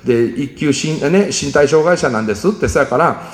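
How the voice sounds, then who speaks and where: A man's voice: a little high, lively intonation, normal speed. A middle-aged man with a Kansai accent tells an emotional personal story as a speaker, acting out the voices he quotes. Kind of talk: storytelling talk. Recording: echoey hall.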